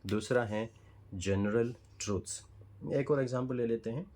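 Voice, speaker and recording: A man's voice: mid-range voice, warm tone, low-quality recording. A man teaching English grammar, explaining in Hindi and spelling out English example sentences word by word, patient and careful. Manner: slow and deliberate, spelling out example sentences word by word with pauses and fillers; patient, explanatory, checks understanding with the listener.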